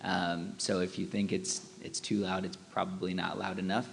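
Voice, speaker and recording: Very deep gravelly man on a panel. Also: flat delivery, normal speed, in a large hall. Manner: hesitant, many "um"s and "uh"s. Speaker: film editor on a panel. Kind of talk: casual panel talk. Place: live event hall.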